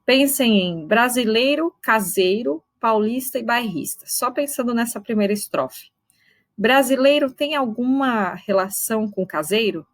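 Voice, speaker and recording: A woman teaches a literature class online, her voice sitting a little high. She explains step by step, checks in with her students, and slowly spells out syllables. The sound is dry and close, with no room around it. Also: lively intonation, no echo, rough recording. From Brazil.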